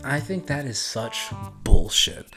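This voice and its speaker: A male host delivers informal, opinionated commentary with sardonic emphasis. His pitch is average, and light music plays underneath. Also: expressive, slow pace, pushed and bright.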